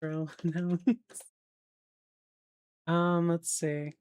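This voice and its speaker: A woman's voice: on the low side, level tone, drawn-out words, darkish tone, clear, resonant tone, no room sound. A woman streamer chatting casually, rambling with lots of fillers and the odd swear, checking facts aloud as she goes.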